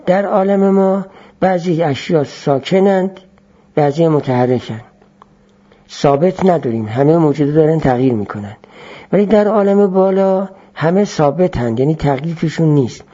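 This is a man teaching philosophy in a classroom lecture, explaining steadily and repeating his main phrases to drive them home. He sounds dark, mellow and expressive, slightly rough, and a bit higher in pitch than typical. The audio is lo-fi and muffled.

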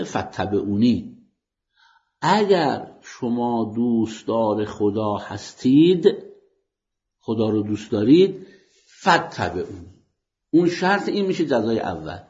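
A man's voice: mid-range voice, a little mellow, muffled recording. A man teaching Quranic grammar in a lecture, asking questions and answering them himself, with formal polite phrasing. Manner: explanatory, poses questions to listeners then answers them.

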